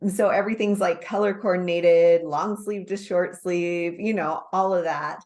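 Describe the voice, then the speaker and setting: Giggly animated woman guest. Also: fairly low pitch, moderate pace. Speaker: podcast guest. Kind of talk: casual podcast chat.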